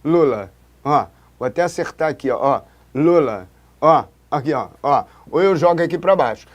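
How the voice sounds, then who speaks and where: Man from Brazil, high voice, demonstrative writing teacher mid-lesson. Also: animated, moderate pace. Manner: demonstrative, keeps pointing with "look". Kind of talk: classroom-style lesson at a board.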